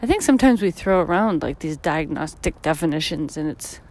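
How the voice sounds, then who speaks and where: Out walking on a street, a woman in her thirties thinks aloud for her solo podcast, rambling and full of fillers. Her voice is a touch low, husky from tiredness and a little mellow, yet her intonation is lively and her pace brisk.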